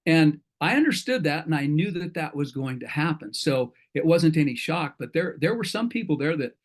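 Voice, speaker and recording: A man's voice: on the high side, big pitch swings, moderate pace. Folksy middle-aged man hosting a meetup. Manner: folksy, rambling, with self-corrections and asides. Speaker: host of an entrepreneur meetup. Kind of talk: casual talk to an online group.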